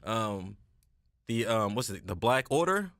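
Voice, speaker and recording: A man co-hosting a podcast in casual chat, telling animated, profane stories. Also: lowish voice, a little slow, no echo, clean studio sound. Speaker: podcast co-host.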